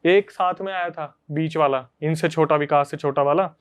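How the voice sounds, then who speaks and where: A man hosting a podcast, telling a story to his friends in a casual, animated way. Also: on the high side, moderate pace, smooth. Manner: animated, conversational retelling to friends.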